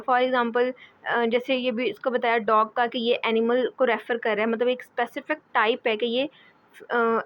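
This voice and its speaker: A woman giving a lecture as a teacher, often checking in with "okay" and pausing with fillers. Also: on the high side. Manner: repeats "ठीक है", hesitant fillers. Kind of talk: explaining lecture. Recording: dull lo-fi audio.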